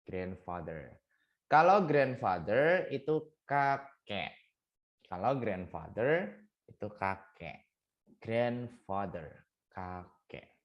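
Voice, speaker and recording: Male English tutor, online vocabulary lesson; slow, patient drilling with a lively, bouncing pitch. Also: dull audio. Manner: drills each word by slow repetition; mixes English words into teaching talk.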